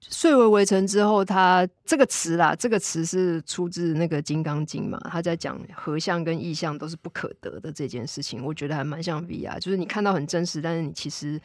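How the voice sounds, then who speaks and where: A woman's voice: low voice, brisk, few pauses, no room sound, clean studio sound. A woman with a Taiwanese Mandarin accent speaking casually as an interview guest, explaining things step by step and often circling back over her words. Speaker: film and VR director, podcast guest.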